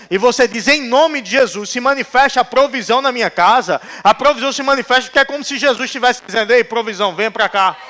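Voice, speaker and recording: A man's voice: extremely high pitch, bright, forceful tone. A male pastor, preaching a sermon in a church and telling jokey stories, acting out the people he quotes. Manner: joking storytelling, acts out quotes. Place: church hall.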